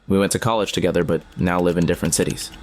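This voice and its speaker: In an audio drama, an actor voices a male storyteller who confides an eerie first-person account about his programmer friend. His voice is low and natural, with fairly even intonation and a rapid-fire delivery. Music plays in the background.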